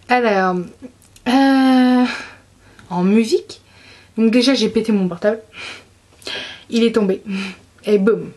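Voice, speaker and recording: A woman's voice: on the high side, darkish tone. A young woman chatting casually about her monthly beauty favorites, enthusiastic and full of fillers and restarts. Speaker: beauty vlogger.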